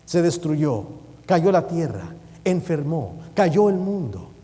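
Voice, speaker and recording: A man's voice: fairly high pitch, sing-song, takes it slowly, dark tone. A man preaching a sermon in a church, urgent and emphatic, reading scripture aloud. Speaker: preacher and Bible teacher. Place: church sanctuary. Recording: long reverb of a church hall.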